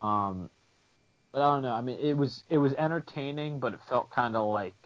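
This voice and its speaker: A mid-pitched man chats loosely on a podcast, circling and restarting his thoughts. His sound comes through a muffled, lo-fi call connection. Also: moderate pace. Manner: rambling, with many restarts. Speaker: podcast co-host. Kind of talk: casual chat. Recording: muffled lo-fi audio.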